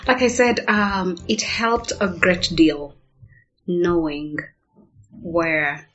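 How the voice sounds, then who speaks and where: Ugandan woman speaking low and hesitant. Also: fairly even intonation, very slow, fairly bright tone. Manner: thoughtful, hesitant with many fillers, laughs easily. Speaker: guest. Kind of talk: casual talk show conversation. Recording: dull lo-fi sound with faint music.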